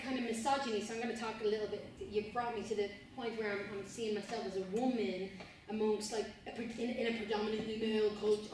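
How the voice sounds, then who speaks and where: Young woman, guest speaker, loose filler-heavy chat; mic distant in a very echoey, noisy room. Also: medium pitch. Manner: conversational, frequent fillers. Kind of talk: casual talk to a student group. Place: university room.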